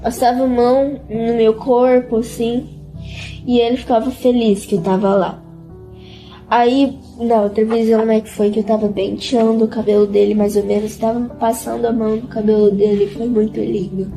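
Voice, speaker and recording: A woman giving an emotional religious testimony in an interview, speaking in a halting, repetitive way and often close to tears. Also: fairly high pitch, little pitch movement, dark tone, soft background music.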